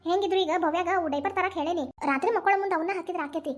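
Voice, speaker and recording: A woman's voice: very high voice, very fast. A woman voicing a caring middle-aged cartoon mother who chats and gives advice, with a North Karnataka Kannada accent. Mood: advising. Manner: chatty, advising. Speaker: grandmother of newborn. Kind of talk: animated cartoon family drama dialogue.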